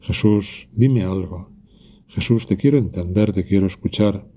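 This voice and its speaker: A man leading a spoken prayer meditation, calm and reflective, speaking directly to Jesus with pauses. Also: deep voice.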